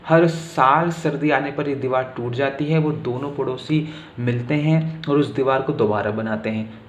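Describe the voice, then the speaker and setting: Man, literature lecture, slow careful definitions, explanatory, echoey room, faint background hum. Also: medium pitch. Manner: reads English definitions slowly, then explains them in Hindi. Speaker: literature teacher.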